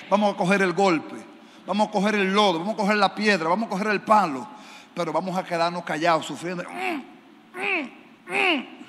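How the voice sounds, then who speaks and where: A man's voice: high-pitched, fairly bright tone. A man preaching a sermon as pastor, telling a story and acting out the dialogue with animation. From Dominican Republic. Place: large church sanctuary. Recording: reverberant church hall, faint noise.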